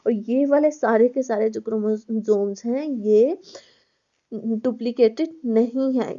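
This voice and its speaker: A woman teaching a college biology class goes step by step, slowly, repeating herself and calling her students children. Her fairly high voice is mellow and dark in tone, and the recording is dull and lo-fi.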